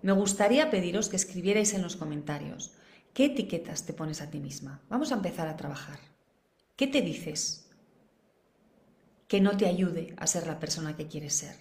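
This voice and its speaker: Educadora de crianza española, tono de preguntas retóricas al público, sonido con mucha reverberación. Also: female voice, lowish voice, animated, normal speed, darkish tone. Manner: asks the audience many rhetorical questions. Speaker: parenting educator. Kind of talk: live online masterclass. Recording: roomy echo.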